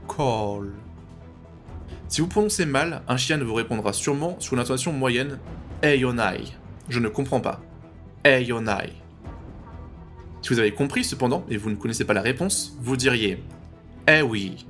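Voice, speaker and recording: A man narrating a language tutorial, patiently explaining and slowly repeating pronunciations. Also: medium pitch. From French-speaking.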